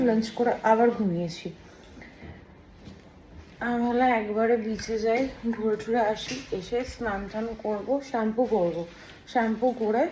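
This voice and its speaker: A woman's voice: fairly high pitch, reverberant. A woman vlogger, chatting casually to her viewers as she records on her phone. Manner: chatty, talks to viewers, softer and hushed at night. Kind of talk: casual vlog narration. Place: rainy outdoors and a hotel room. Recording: noisy phone vlog audio.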